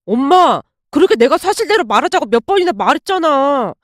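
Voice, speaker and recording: A woman's voice: high voice, big pitch swings, brisk, no echo, clean studio sound. A woman doing a fidgety husband caught in a lie. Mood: defensive. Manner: defensive, pleading.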